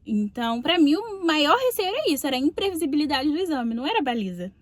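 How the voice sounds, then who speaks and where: A woman's voice: high voice, big pitch swings, fast, dry recording. A young Brazilian woman, a psychologist and podcast host, telling a personal story in a chatty way, often adding little tag questions. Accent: Brazilian Portuguese. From Brazil, Rio de Janeiro state.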